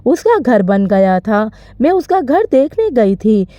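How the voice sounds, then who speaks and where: A woman narrating an emotional first-person story in an expressive storytelling manner. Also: on the high side, slow pace, no echo. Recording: slightly dull, dry recording.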